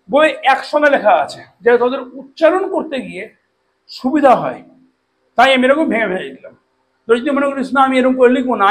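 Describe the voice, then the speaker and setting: A man teaching a classroom biology lesson, slowly spelling out long terms and often checking that students follow. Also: extremely high pitch, fairly bright tone, rough recording. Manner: slow deliberate spelling out of terms, frequent check-ins. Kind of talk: classroom lecture.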